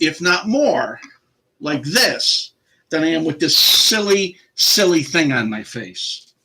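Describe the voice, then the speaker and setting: A man's voice: fairly high pitch, sharp tone, rough recording. A middle-aged man telling a story in a casual, indignant rant and acting out both sides of the argument.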